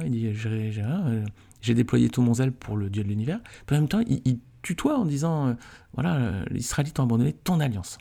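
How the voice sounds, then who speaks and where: Gravelly-voiced man teaching the Bible. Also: mid-range voice. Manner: reads scripture aloud, then explains it informally with frequent tag questions; addresses listeners warmly as friends. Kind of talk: conversational Bible study.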